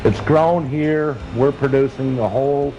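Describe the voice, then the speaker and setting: A man who produces log homes explaining his business in a halting, plain way during a casual interview. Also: medium pitch, highs cut off, music in the background.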